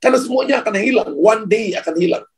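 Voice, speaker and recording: A man's voice: high voice, animated, quick pace, breathy edge. A male pastor preaching a sermon, speaking emphatically and addressing the congregation directly.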